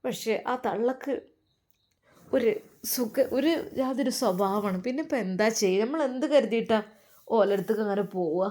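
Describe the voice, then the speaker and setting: A woman's voice: fairly high pitch, normal speed, dark tone, lightly acted. A woman doing a fretful village auntie with a Malappuram accent. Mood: confiding. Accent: Malappuram Malayalam. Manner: rambling, pleading, confiding. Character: worried middle-aged village woman, apologetic and talkative.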